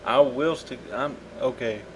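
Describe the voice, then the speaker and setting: A man's voice: medium pitch, unhurried, low-quality recording. A young man with a mid-range voice co-hosts a laid-back podcast. He delivers dry, teasing quips to his partner. A faint air-conditioner hum runs under the talk. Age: young adult. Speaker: podcast co-host. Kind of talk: casual podcast chat.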